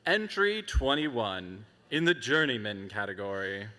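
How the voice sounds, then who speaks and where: A man's voice: lowish voice, very animated, unhurried, bright, forceful tone. A man hosting a convention masquerade on stage, reading bios playfully, laughing and stumbling over names. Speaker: masquerade emcee. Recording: echoey convention hall.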